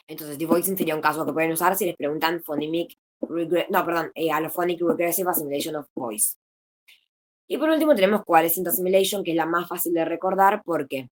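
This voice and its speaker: A young woman from Argentina with a Rioplatense Spanish accent, casually explaining phonetics to a study group, mixing English terms in and correcting herself as she goes. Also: low voice.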